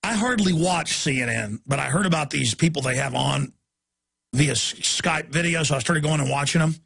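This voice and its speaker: A man hosting a talk radio show, delivering an emphatic, ranting monologue that builds to shouts. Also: on the high side, moderate pace, vocal fry, slightly rough.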